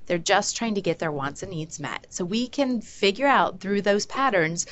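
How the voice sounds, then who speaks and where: A woman's voice: mid-range voice, animated, moderate pace, highs cut off, a little hiss or hum. A woman presenting as a behavior analyst, explaining examples in a lecture and acting out children's voices now and then. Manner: explanatory, acts out examples in a playful voice. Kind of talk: conference talk.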